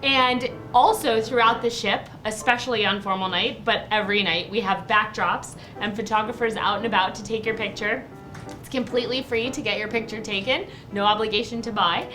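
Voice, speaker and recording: A woman's voice: medium pitch, fairly even intonation, fairly quick, bright, forceful tone, rough recording. A woman hosting a morning lifestyle show aboard a cruise ship, bubbly and enthusiastic as she runs through the day's events. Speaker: show host. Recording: music playing underneath.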